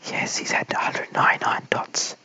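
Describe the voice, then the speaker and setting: A man's voice: moderate pace, pushed and bright. A man with an Australian accent whispering eager live cricket commentary late at night at home, calling each delivery.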